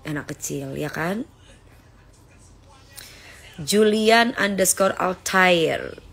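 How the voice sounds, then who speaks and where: A woman hosting a casual livestream on her phone, chatting with viewers and lecturing her son in a warm, teacherly way. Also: fairly low pitch, animated, extremely slow, creaky, husky. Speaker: livestream host reading viewer comments. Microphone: phone held for a livestream.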